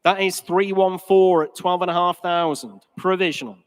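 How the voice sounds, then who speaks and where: A man's voice: high-pitched, steady tone, normal speed, clean tone. A British man working as an auctioneer, calling bids in formal, courteous patter with repeated figures, like a fine art auctioneer. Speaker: auctioneer at a classic car auction. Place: large indoor auction sale hall. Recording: reverberant sale hall over PA.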